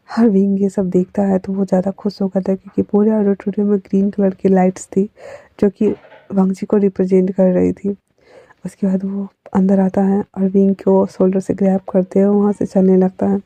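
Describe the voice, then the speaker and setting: A woman's voice: medium pitch, gravelly, dark tone, no room sound, highs cut off. A woman narrating a fan fiction story in a casual storytelling way, reading each character's lines in her own voice with little change.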